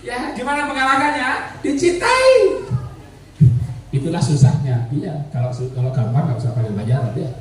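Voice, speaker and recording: A male pastor with a high voice gives a joking, conversational sermon and slips into little acted quotes. He sounds distant from the mic, in a heavily echoing church hall with faint background noise. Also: sing-song, fast talker, few pauses, a bit bright. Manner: humorous, conversational preaching, acts out quotes.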